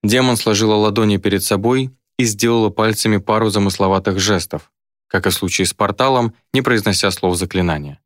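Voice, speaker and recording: A man reading a fantasy novel aloud in first person, with an even, measured delivery. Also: lowish voice, no echo, clean studio sound. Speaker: audiobook narrator. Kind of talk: scripted first-person narration.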